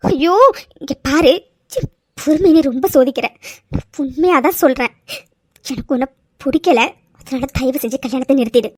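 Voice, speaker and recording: Cast a woman as a shrill, high-voiced young bride for a cartoon, insistent and exasperated, with a dry close sound. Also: normal speed, a little mellow, no echo, lightly acted. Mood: firm. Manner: insistent, exasperated, tearful pleading. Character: young bride pleading to cancel wedding. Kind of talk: cartoon voice acting.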